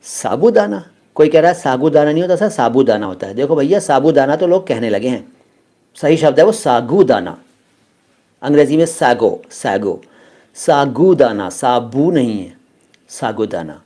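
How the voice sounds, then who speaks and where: A man teaching pronunciation in a chatty way, stretching words out slowly and putting questions to his viewers. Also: mid-range voice, lively intonation, warm tone. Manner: chatty, quizzes viewers directly. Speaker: language teacher. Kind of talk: pronunciation lesson.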